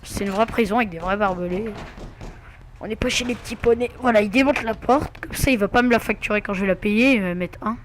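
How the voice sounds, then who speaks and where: A man's voice: high voice, a little fast, a little hiss or hum. A man giving casual gameplay commentary, muttering to himself with asides and mild swearing. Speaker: let's play gamer.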